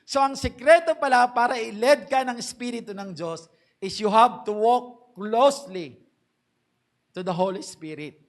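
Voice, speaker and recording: A middle-aged man preaching a sermon in church, polite and earnest, slowing down to stress key phrases. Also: very high-pitched. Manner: slows to stress key English phrases, mixes Tagalog and English. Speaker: pastor.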